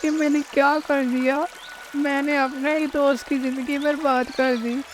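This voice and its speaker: A woman's voice: a little high, measured pace, slight background noise, lightly acted. A woman voicing an honest young boy bird, the son of thieves, who talks in an earnest, pleading way. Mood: earnest remorseful. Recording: faint music behind the voice.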